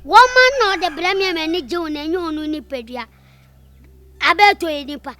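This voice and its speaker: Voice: very high voice, lively intonation, normal speed, sharp tone, no room sound, full character voice. A performer with a Ghanaian accent and Twi as native language, playing a gossiping, indignant friend in an improvised comedy skit, with dramatic exclamations. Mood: scandalised. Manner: dramatic, exclaiming, repetitive storytelling.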